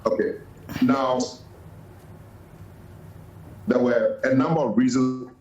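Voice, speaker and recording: A man speaking as a political guest over an unclear, clipped call-in line, in a measured, formal way. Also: medium pitch, steady tone, darkish tone, roomy sound, muffled recording, slight background noise. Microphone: remote call-in connection.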